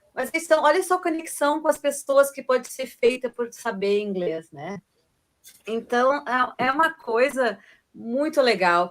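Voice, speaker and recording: Young woman, live stream co-host, casual chat, agreeing, fairly high pitch. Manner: warm, agreeing, telling a personal anecdote.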